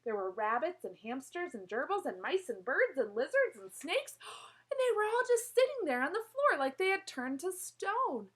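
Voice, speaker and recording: A woman reading a children's novel aloud in an expressive, animated storytelling manner, with small slips and corrections. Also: high voice, moderate pace, rough recording. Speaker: reader.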